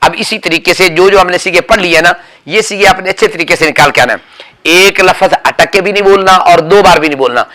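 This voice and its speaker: Brisk, high, and sharp, the man's voice carries a grammar drill in which he quizzes students, calls them by name, and delivers repeated firm corrections.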